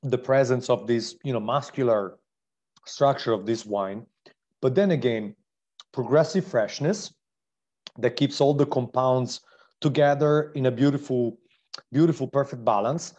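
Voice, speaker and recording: A man from Italy, speaking with an Italian accent, runs an online wine tasting and eagerly describes each wine, full of fillers and restarts. His middle-pitched voice is a little slow with a darkish tone, and the stream audio sounds dull and lo-fi.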